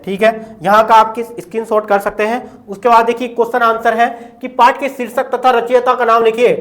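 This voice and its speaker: A man with a fairly high voice teaches an exam-prep lesson. He works through the lines of a poem one by one and keeps coming back to the same short check-in phrase. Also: fairly bright tone. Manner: repeats "ठीक है" constantly, explains line by line.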